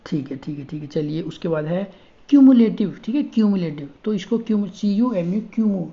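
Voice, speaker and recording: A man teaching spelling in a casual online lesson. He chats with viewers, calls them friends, and spells words out slowly letter by letter. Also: high voice, muffled recording. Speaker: online tutor.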